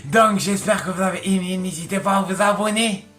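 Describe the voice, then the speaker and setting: A man's voice: high-pitched, brisk, bright, forceful tone. A young man hosting a casual impression tutorial, chatty and rambling and making fun of himself. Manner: chatty, rambling, and self-mocking. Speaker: YouTube impressionist. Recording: echoey room, faint background music.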